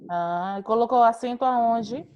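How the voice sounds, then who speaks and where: A woman's voice: a little high, a little slow, muffled recording. A woman teacher giving an online class over a video call, explaining patiently, repeating points and calling on students by name.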